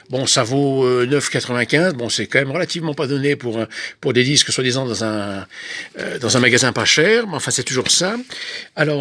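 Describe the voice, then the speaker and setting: A man's voice: fairly high pitch, a bit bright. A man casually showing his record purchases on camera, hesitant, with many fillers and restarts and offhand asides. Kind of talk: casual unscripted show-and-tell.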